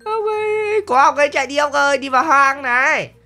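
A man's voice: very high-pitched, animated, a little fast, bright, forceful tone, faint music behind. A man hosting a game video, chatting casually and teasing jokingly as he plays. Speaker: gaming channel host.

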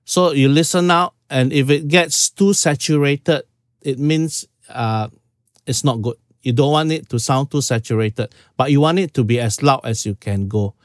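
In a casual screen-share tutorial recorded in a small room at home, a Singaporean man in his fifties walks through audio settings step by step, repeatedly saying "okay." His mid-range voice moves at a moderate pace, and the studio-quality audio has no echo.

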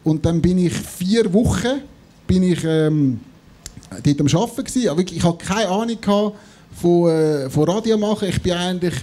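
A man in his thirties with a high voice and a Swiss German accent tells a comic anecdote live on stage. He is an animated storyteller who acts out both sides of conversations, speaking close into the microphone. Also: moderate pace. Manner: animated storytelling, acting out dialogue. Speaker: comedy show panellist. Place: on stage in a theatre before an audience. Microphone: handheld or stand microphone held close.

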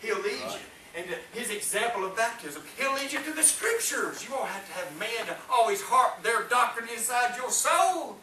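Preaching fervently in a Pentecostal style, this middle-aged man has a very high, sing-song, sharp voice at normal speed with hardly any pauses, his delivery rising and falling as he asks for amens. A far-off camera, no mic in sight, records the small church hall and its congregation, leaving an echoey sound with faint hiss.

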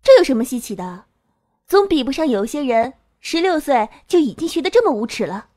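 A doting young girl, played by a woman in an audio drama, with a high, clear voice. She is clingy and teasing, sweetly demanding. The sound is dry and close to the mic. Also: sing-song, a little fast, warm tone, no room sound. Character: 19-year-old girl, doting and possessive.

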